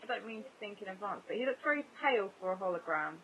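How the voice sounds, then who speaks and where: A woman's voice: medium pitch, expressive, quick pace, noisy background. A woman from England chatting casually with a co-host while they watch a show together, laughing often.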